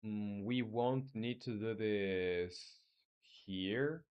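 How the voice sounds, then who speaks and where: A game developer from Chile thinks aloud while coding on a live stream, chatting casually and answering viewers in a friendly way despite frequent hesitations, fillers and restarts. His lowish voice is extremely slow, clear and resonant, though the audio is dull.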